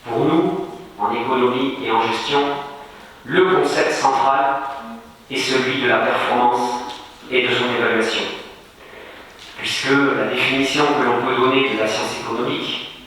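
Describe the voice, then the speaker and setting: A male lecturer from France speaks in a bright, clear voice, measured and explanatory. He is recorded from far off in a big, echoey lecture hall with a faint hiss behind him. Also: mid-range voice. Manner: measured, explanatory, slows on key terms. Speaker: university lecturer. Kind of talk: academic lecture to students.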